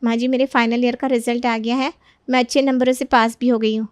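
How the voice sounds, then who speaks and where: A woman's voice: on the high side, flat delivery, a little fast, clear, resonant tone, no echo, clean studio sound, pitched above the performer's own voice, lightly acted. A woman voicing a polite, studious young daughter-in-law in a cartoon, speaking respectfully.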